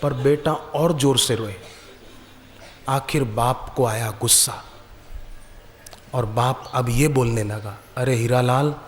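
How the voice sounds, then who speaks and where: A man's voice: mid-range voice, slow pace, pauses often. Male preacher telling stories, acts out the voices, long hall echo, bit of background noise. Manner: animated storyteller, acts out voices. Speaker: spiritual preacher. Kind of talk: devotional sermon with storytelling.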